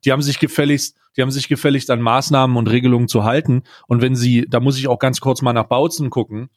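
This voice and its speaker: Mann im heimstudio, ganz trockener sound, redet sich in rage. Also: male voice, mid-range voice, steady tone, fast talker, no room sound, studio quality. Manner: indignant, hesitant restarts, ranting. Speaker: podcast co-host. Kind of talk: casual political chat. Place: home studio.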